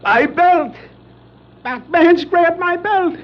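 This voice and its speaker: An actor playing a gleeful, mocking clown supervillain in a theatrical, exclamatory 1960s children's record drama. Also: male voice, very high-pitched. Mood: dismayed. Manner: gloating, exclamatory, drawn-out delivery. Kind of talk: 1960s children's record radio-play acting. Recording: dull, noisy 1960s vinyl record dramatization.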